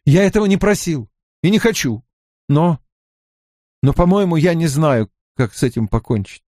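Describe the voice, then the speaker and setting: A man's voice: fairly high pitch, expressive, normal speed, darkish tone, no echo, studio quality, voice pushed up, lightly acted. A man voicing a troubled young man who speaks heatedly in an audiobook reading.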